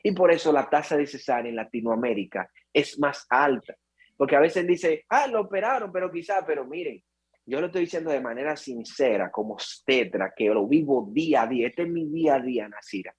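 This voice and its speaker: A man's voice: medium pitch, brisk, slightly rough. A man, an obstetrician, explaining labor in an interview and acting out patients and relatives as he goes. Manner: animated, acts out patients and relatives. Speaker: obstetrician guest.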